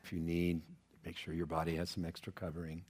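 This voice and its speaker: Guiding listeners through yoga nidra relaxation, this low-pitched male teacher keeps his delivery calm, soothing, and measured, with pauses between phrases.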